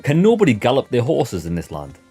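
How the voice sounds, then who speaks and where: A man's voice: mid-range voice, huge pitch swings, fairly quick, dark tone, slightly rough, soft background music. A man giving casual live gameplay commentary as a streamer, with dry, wry asides. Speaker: game streamer.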